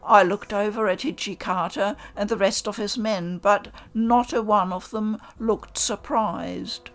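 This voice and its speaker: A woman calmly reading a visual novel aloud in the first person. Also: medium pitch, measured pace, soft background music. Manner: calm, first-person storytelling. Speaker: narrator.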